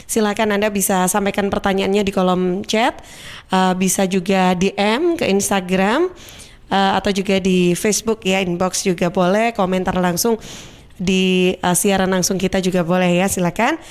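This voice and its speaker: A woman radio host talks in a casual, chatty and inviting way. Her voice is mid-pitched and very smooth and clear. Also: moderate pace. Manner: chatty, inviting listeners to join in. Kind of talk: casual radio talk show hosting.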